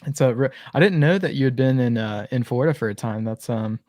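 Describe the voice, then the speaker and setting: A man's voice: mid-range voice, fast, dry recording, studio quality. Young man hosting a laid-back podcast. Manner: relaxed, filler-heavy, friendly. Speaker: podcast host. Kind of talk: casual podcast chat.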